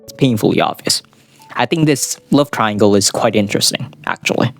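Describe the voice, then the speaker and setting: A fairly low, creaky male voice, animated and a little fast, gives informal anime review commentary in video essay form. He's opinionated and sweary, throwing in dramatic asides, with background music under the voice.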